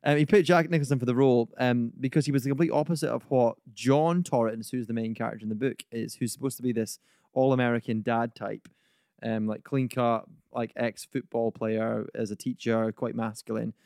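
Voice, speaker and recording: A man co-hosting a casual podcast talks at a middling pitch, wandering through anecdotes with frequent ums and likes. The sound is dry and close, with no room around it. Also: steady tone, brisk, a little mellow, no room sound. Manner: rambling with many ums and likes. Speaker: podcast co-host.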